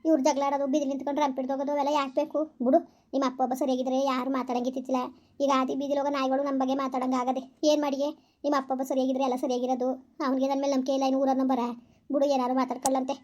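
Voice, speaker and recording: Village drama: actress as worn-down mother, high and flat, very fast scolding delivery. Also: close to an everyday voice. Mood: resigned. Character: weary village mother, scolding yet resigned.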